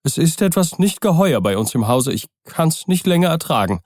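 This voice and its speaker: A man's voice: fairly high pitch, very animated, moderate pace, darkish tone, no echo, clean studio sound, pitched above the performer's own voice. A man doing a frightened old servant. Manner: agitated, pleading. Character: frightened old male servant, trembling and anxious.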